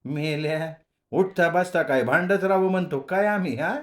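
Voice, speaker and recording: A man's voice: on the high side, moderate pace, a bit bright, pitched above the performer's own voice, close to an everyday voice. A man voicing a feisty, scolding old village mother-in-law in a storybook reading. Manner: scolding, snapping.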